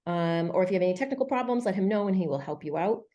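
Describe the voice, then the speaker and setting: A woman's voice: lowish voice, animated, racing, mellow. A woman hosting an online webinar in a chatty, friendly way, with many fillers. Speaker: webinar host.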